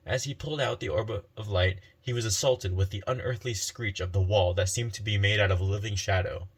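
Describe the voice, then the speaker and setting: A man's voice: lowish voice, fairly quick, slightly rough. A man narrating a fantasy story as a storyteller, reading unhurriedly and often correcting himself.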